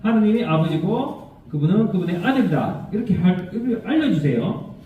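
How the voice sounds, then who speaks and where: A man's voice: high-pitched, fairly quick, a little hiss or hum. A male priest giving a homily at Mass, talking conversationally and acting out quotes with laughter. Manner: conversational, animated storytelling with laughs and acted quotes. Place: church. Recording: distant, phone-like, echoey church sound.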